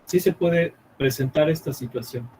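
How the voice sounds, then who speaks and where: A math teacher with a somewhat high voice lectures a live class. He repeats his points, thinks aloud as he draws, and keeps checking whether the students follow. A faint hum of room noise sits behind him. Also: a little mellow, rough recording. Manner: checks understanding often with quick questions, repeats himself; thinks aloud while drawing on the board.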